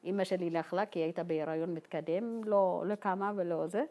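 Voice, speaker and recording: Halting woman from Ethiopia, slightly low voice. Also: fairly even intonation, mellow. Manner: halting and informal, many fillers, acts out remembered dialogue. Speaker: guest telling her life story. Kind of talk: personal testimony told to a group.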